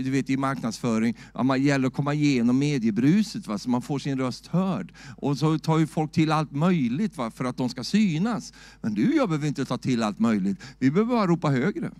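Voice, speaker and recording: A middle-aged man preaching a sermon in a church, shouting at times and asking the church "va?" in a loose, talky way. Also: a little high, no echo. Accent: Swedish. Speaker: pastor.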